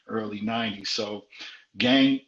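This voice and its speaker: A man in his forties from South Central Los Angeles, with a lowish, unhurried voice and fairly even intonation, tells his life story frankly and conversationally as a guest in a live interview. He repeats phrases for emphasis, and the live-stream audio sounds dull and roomy.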